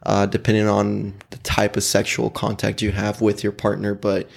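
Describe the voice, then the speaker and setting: Man, young adult, gravelly voice, candid casual storytelling, laughs often. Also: lowish voice, completely flat delivery, normal speed. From Oklahoma, USA. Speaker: podcast guest.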